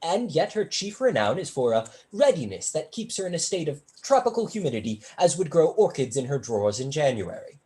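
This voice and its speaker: Taking on the role of a smooth-talking, shameless tutor from a period comedy, a young adult student actor rattles briskly through elaborate formal sentences with few pauses. His pitch swoops freely, yet the voice stays close to everyday speech. He sounds arch, witty, flattering, calm and mocking.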